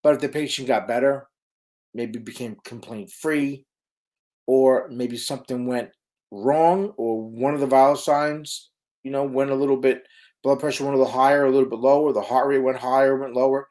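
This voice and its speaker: This EMS educator is teaching emergency medical crews on a casual live stream, talking in a chatty way full of fillers and "right?" tag questions. He speaks at a moderate pace in a mid-range, steady voice that's a little mellow.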